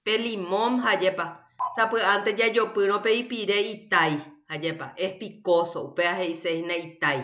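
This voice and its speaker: A woman's voice: medium pitch, unhurried, hardly any pauses, fairly bright tone. A woman teaching a university language class online, explaining patiently and checking in with her students.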